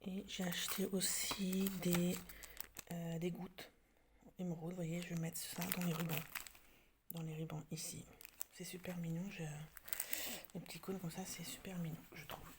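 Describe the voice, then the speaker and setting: A woman from France in a casual show-and-tell vlog, talking hesitantly with many fillers and restarts, often dropping to a soft near-whisper. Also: lowish voice, flat delivery, normal speed, pauses often, background noise. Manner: drops to soft near-whispers while showing details. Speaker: craft vlogger.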